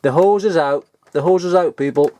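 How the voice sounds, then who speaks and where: Here a young adult vlogger, speaking at a moderate pace in a warm voice on the high side, shows his old toys up in the loft at home. The informal show-and-tell is casual, enthusiastic and sweary.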